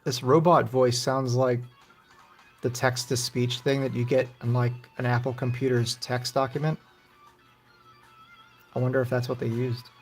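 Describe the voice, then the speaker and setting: A man's voice: mid-range voice, level tone, normal speed, long pauses, slightly rough, faint music behind. A middle-aged man live-streaming retro games, rambling offhand and swearing casually as he plays. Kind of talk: casual gaming commentary.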